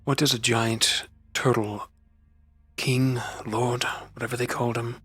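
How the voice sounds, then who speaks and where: A man's voice: mid-range voice, flat delivery, measured pace, fairly bright tone, slightly rough, soft background music. A man voicing a haughty, self-assured student with a dry, superior manner, in character during a tabletop game.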